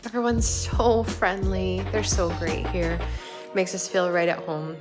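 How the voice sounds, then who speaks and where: A woman's voice: fairly low pitch, measured pace, music in the background. Female travel vlogger, thirties, casual chat into a handheld phone. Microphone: phone at arm's length.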